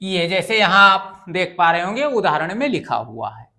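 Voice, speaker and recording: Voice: mid-range voice, sing-song, moderate pace, pushed and bright. A grammar teacher giving an exam-prep lecture, asking questions and answering them, repeating phrases and spelling words out syllable by syllable.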